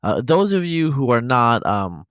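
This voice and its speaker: A man hosts his podcast in an unscripted monologue, pausing often on fillers and restarting his sentences. His voice sits at an ordinary middle pitch. The sound is dry and close, with no room around it. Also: big pitch swings, a bit bright, smooth, no echo. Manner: halting, many fillers and restarts. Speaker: podcast host.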